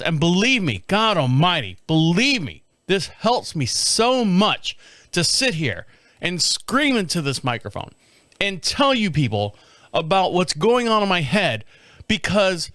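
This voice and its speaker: A man in his fifties with a rather high, fairly bright voice hosts a solo podcast from a studio, rambling casually, repeating himself, and laughing often. There is no echo.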